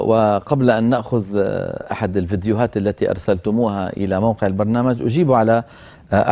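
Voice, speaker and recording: A man hosting a televised lesson on Quran recitation, explaining the rules in a measured way and pausing to demonstrate them slowly. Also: fairly low pitch, warm tone. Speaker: Quran recitation teacher, program host.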